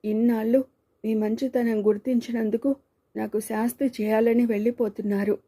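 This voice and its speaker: A woman voicing a tearful young wife who speaks in a hurried, sobbing way. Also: a little high, level tone, dark tone, lightly acted.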